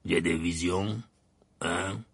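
A battle-hardened old wizard growls every line. The voice sits extremely low, raspy and gravelly, slow and calmly threatening. The sound is close and dry. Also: male voice, dry recording, heavily acted. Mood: growling menace. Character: gruff battle-scarred old male wizard, menacing. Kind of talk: audiobook character voice.

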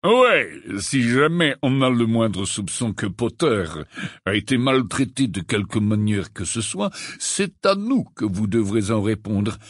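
A man voicing a gruff, grizzled old male auror who growls his words slowly. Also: sing-song, dry recording, studio quality. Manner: growling, slow and low.

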